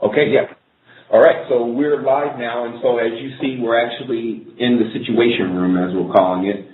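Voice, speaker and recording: A man's voice: medium pitch, steady tone, normal speed. A man hosting a live internet radio show from an office, talking loosely and rambling while he sorts out technical problems on air. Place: office in a corporate building. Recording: echoey, tinny phone-like line.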